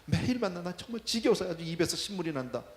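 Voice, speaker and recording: A pastor putting on a whiny grumbling wanderer. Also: male voice, high-pitched, expressive, fast talker, roomy sound. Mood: whining. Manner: complaining, rising whine. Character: grumbling wilderness wanderer, adult man, whiny and fed up.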